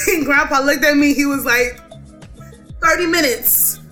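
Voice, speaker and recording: A woman telling a story in casual chat, animated, laughing often, with lots of "like". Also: sits high, normal speed. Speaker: podcast co-host. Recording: roomy echo, faint music behind.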